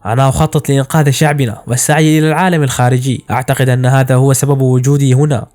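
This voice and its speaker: A man voicing a gentle young male musician who speaks earnestly about his people, in an anime story recap. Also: mid-range voice, little pitch movement, racing, close to an everyday voice. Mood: earnest, frustrated.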